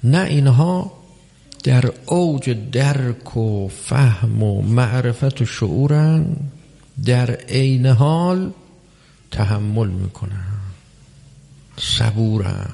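A man preaching a religious sermon, measured and emphatic, with long pauses between phrases. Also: mid-range voice, lively intonation, vocal fry, warm tone. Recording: long hall reverb.

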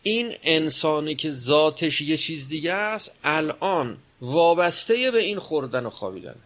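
A man's voice: a little high, sing-song, a bit bright. A man giving a religious lecture, explaining and posing rhetorical questions. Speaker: religious speaker.

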